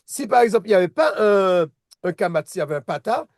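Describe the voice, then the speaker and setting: A man's voice: sits high, animated, fast talker, darkish tone, dry recording. Hesitant male teacher, dry close sound. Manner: hesitant, frequent restarts and repeated words; patient, checks understanding with "d'accord?". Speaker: Hebrew teacher. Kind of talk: casual online lesson.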